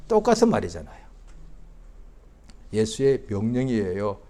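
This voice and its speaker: A middle-aged man preaching a Sunday sermon as pastor. His delivery swings from quiet explanation to loud, high-pitched outbursts, and he acts out prayers and quoted speech. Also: huge pitch swings, moderate pace.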